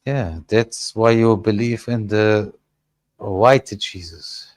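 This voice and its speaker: A man, speaking English as an in a casual panel chat and often pausing to search for words. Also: on the low side, dry recording. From Germany. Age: 30s. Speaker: panel guest.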